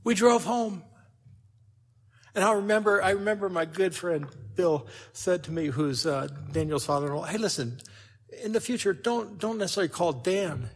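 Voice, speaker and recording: An older man preaching a sermon, telling a personal story with lively swings in loudness. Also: high-pitched, moderate pace.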